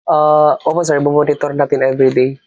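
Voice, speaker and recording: Flat-voiced polite young man. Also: on the high side, a little fast, no room sound, rough recording. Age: young adult. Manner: polite, flat, soft-spoken thanks. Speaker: student guest. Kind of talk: casual chat.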